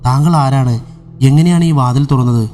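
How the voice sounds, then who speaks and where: A man's voice: medium pitch, normal speed, lightly acted. A man voicing a frightened grandfather in a horror story, pleading and crying out for help. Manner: shouting, pleading.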